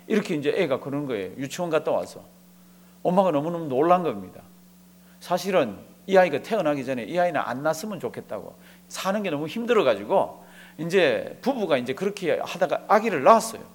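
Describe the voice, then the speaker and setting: A man preaching a sermon as a pastor, asking the congregation rhetorical questions and acting out bits of dialogue as he tells a story. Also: sits high.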